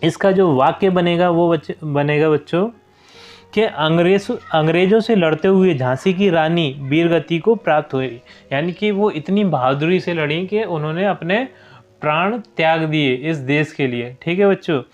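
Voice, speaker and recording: A man's voice: on the high side, normal speed, dull audio, faint music behind. A man explaining a Hindi lesson to young pupils, patiently going through each answer and often addressing the class directly. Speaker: teacher.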